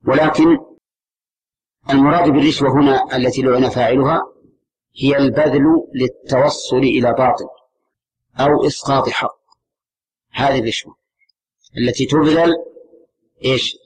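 Male scholar, steady lecturing voice, repeats key terms, faint hiss behind. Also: mid-range voice, low-quality recording. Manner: measured, repeats key terms, asks the class questions. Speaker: Islamic scholar teaching a class. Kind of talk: religious lesson commentary.

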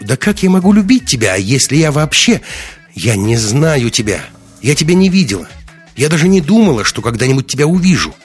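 A man reading an audiobook, voicing a frightened, furious young woman held captive, with shrill shouting outbursts. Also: very animated, unhurried, gravelly, few pauses, slightly rough, faint music behind, full character voice. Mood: hysterical.

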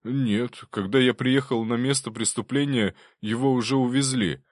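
A man reading an audiobook, voicing a nervous medical expert who answers in a measured, careful way. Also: mid-range voice, fairly even intonation, no echo, clean studio sound, voice pushed up, natural voice.

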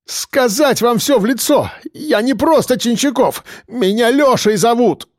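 A panicking police captain shrieks in a high, cracking voice, as a man plays him. He stammers and yells, close and dry. He is a nervous wreck with a gun. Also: big pitch swings, measured pace, no room sound, exaggerated voice. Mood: desperate. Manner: shrill, screaming and stammering.

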